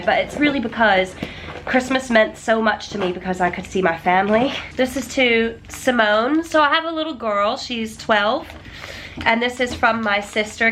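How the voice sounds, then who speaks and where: A woman's voice: mid-range voice, background noise. A woman in her thirties, a stage performer, chatting casually and emotionally to camera and laughing as she talks. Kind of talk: casual personal chat to camera.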